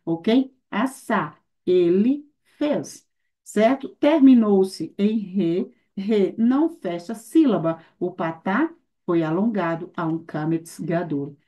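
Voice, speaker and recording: Mellow-voiced woman teaching with rhetorical questions. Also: medium pitch, slow. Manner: lively, emphatic teaching with frequent rhetorical questions. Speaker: Hebrew teacher. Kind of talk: online grammar lesson.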